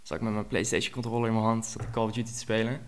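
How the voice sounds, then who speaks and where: A man's voice: on the low side, flat delivery, rapid-fire. A man in his twenties, a guest coach, tells his personal story frankly and openly.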